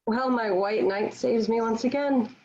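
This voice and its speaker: A woman's voice: on the high side, a little slow, a little mellow. A woman playing a devout, defiant young Joan of Arc in a dramatic table read, speaking in formal, declamatory period phrasing. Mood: resigned, sorrowful. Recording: dull lo-fi virtual-meeting audio.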